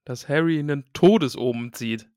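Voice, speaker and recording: A man with a slightly raised voice joins a relaxed book chat, quick to laugh and toss in short asides. Now and then he reads a passage aloud. The sound is close and dry. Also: on the high side, no room sound. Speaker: podcast co-host. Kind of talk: casual book-discussion podcast.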